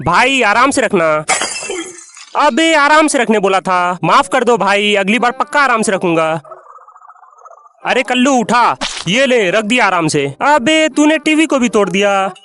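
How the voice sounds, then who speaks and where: A man voicing every character in a comedy sketch, with loud exclamations and scolding banter. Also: high voice, animated, unhurried, a little hiss or hum. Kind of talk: comic sketch dubbing, all characters.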